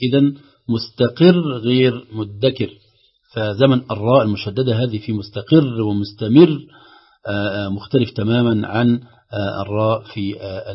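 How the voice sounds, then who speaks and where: A man teaching the rules of Quran recitation, speaking slowly and repeating words to show how they are pronounced. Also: lowish voice, husky, lo-fi sound. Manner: slow, deliberate, repeats words to demonstrate pronunciation.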